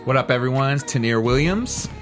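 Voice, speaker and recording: A woman co-hosting a talk show in casual chat, expressive and exclaiming. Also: extremely low pitch, fairly quick, over music. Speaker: co-host.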